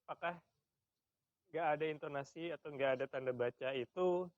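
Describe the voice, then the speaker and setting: Man questioning a class, slow and deliberate. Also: on the high side, no echo, highs cut off. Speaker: lecturer. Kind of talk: classroom discussion.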